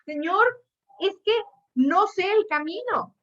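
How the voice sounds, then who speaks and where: A man's voice: extremely high pitch, lively intonation, slow pace, pushed and bright, muffled recording, pitched above the performer's own voice, full character voice. A woman voicing a frightened man lost at sea in a small boat, pleading and tearful. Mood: desperate pleading.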